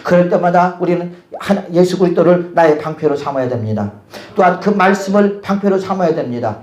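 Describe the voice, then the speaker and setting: A man's voice: high voice, fairly quick, a little mellow, highs cut off. A middle-aged male pastor preaching a sermon, constantly asking his congregation rhetorical questions.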